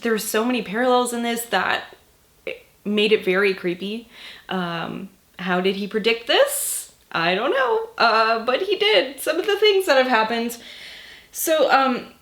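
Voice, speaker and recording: A woman book vlogger, sick and a bit husky, chatting casually through her monthly reading wrap-up with lots of fillers and swearing. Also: medium pitch, a bit bright.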